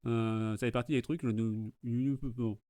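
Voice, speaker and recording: A man's voice: medium pitch, steady tone, normal speed, dark tone. A man with a Québécois accent hosting a watch party, chatting playfully and laughing often. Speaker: host. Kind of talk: casual watch-party commentary.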